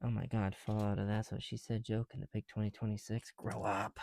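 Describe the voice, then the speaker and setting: A man with a fairly low, creaky, darkish voice talks a little fast with little pitch movement. It's a casual ASMR video: he chats self-deprecatingly and tosses in small asides while building bricks on his bedroom floor at night.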